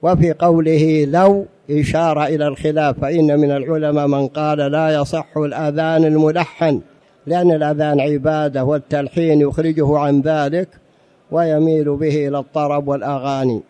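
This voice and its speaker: A religious teacher gives a lesson on jurisprudence in a fairly high, mellow voice, talking fairly quickly with little pitch movement. He explains patiently, repeats key phrases, asks rhetorical questions, and addresses the audience as brothers.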